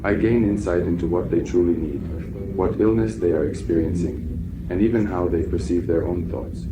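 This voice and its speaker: A man in his sixties from Kazakhstan speaks with a very low, deep voice. He answers an interviewer in measured, formal sentences and sounds sure of himself. A steady wash of background noise runs under the recording. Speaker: interviewee, founder of a healing teaching.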